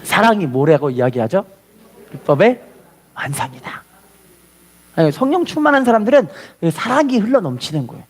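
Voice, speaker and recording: Pastor guy preaching, fairly high voice, animated storytelling. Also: slightly rough. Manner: animated storytelling, congregation call-and-response. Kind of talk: sermon.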